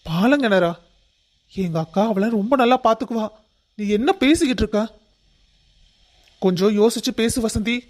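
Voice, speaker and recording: A protective father in a cartoon family drama, his voice pitched rather high for a man, as a man acts him out. He lays down the law firmly and will not back down. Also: normal speed, long pauses, close to an everyday voice. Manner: firm, commanding. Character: middle-aged father, firm and protective.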